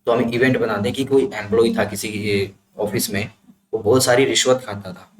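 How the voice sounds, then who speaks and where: A man teaching vocabulary with memory tricks, explaining step by step and checking understanding as he goes. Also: medium pitch. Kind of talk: explanatory lesson with mnemonics. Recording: echoey room, faint ambient noise.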